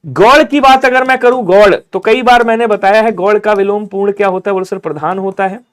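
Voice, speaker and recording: A man with a high-pitched voice runs a live online exam-prep class. He keeps pressing viewers to comment fast and voices the students' answers himself. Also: fairly even intonation, smooth. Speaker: Hindi teacher.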